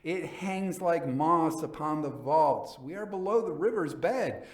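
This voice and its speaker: Man playing a solicitous schemer, lilting and deliberate. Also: fairly high pitch, lively intonation, echoey room, recorded from a distance, voice pushed up. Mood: urgent concern. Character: cunning male avenger feigning tender concern for a friend. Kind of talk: dramatic gothic storytelling.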